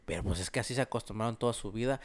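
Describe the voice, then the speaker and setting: A man's voice: lowish voice, rapid-fire. A man with a Mexican accent, chatting casually and jokingly on a podcast, with loose phrasing and lots of slangy fillers. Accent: Mexican Spanish. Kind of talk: casual chat.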